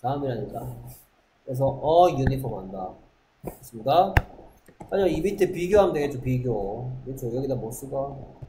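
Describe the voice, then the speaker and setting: A man teaching an English class, drilling pronunciation and quizzing students with quick rhetorical questions. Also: mid-range voice, expressive. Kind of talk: classroom lecture. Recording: echoey classroom, faint noise.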